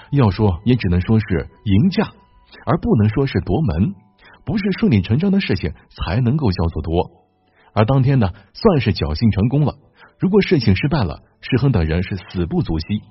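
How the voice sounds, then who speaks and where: A man doing a scholarly court minister in a spoken storybook, pressing his case in a lively, earnest way. The voice is husky and the sound is dry and slightly dull. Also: medium pitch, no room sound, distant mic. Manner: earnest, persuasive argument.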